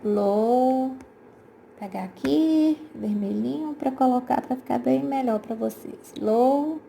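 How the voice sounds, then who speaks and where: Patient Brazilian woman teacher with a mellow voice. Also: high voice, slow pace, vocal fry, slight background noise. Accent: Brazilian Portuguese. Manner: patient, repetitive, checks in with "tá?" and "né?"; addresses pupils as "gente", uses diminutives. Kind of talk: recorded remote lesson explaining grammar exercises.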